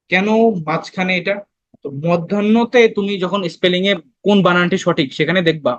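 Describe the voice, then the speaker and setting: A man's voice: high voice, dry recording, muffled recording. A young man from Bangladesh teaching an admission-test spelling lesson, talking conversationally, putting questions to the students and answering them himself. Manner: conversational, asks students questions then answers them, mixes in English words. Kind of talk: online lesson explaining spelling.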